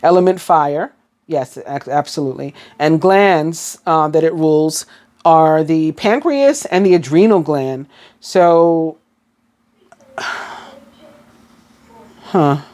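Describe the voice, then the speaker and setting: A woman's voice: sits low, lively intonation, slow pace, long pauses, a little mellow. Chatty New York woman reading tarot. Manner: chatty, rambling, many fillers and restarts. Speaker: tarot reader.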